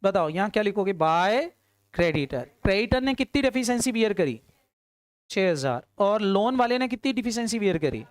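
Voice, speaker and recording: A woman teaching accounts to a class, firing questions at her students, urging quick answers and often answering them herself. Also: medium pitch, animated, no echo. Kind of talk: classroom lecture.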